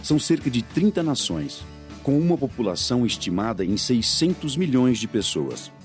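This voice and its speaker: A man reads an educational documentary script in an even, measured way. His pitch moves a lot, and soft music plays quietly under his voice. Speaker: narrator.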